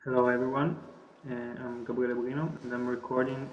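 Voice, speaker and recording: A man closing a recorded talk, speaking very hesitantly with many uhs and pauses. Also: medium pitch, flat delivery, slight background noise. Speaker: remote speaker. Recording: dull, roomy video recording.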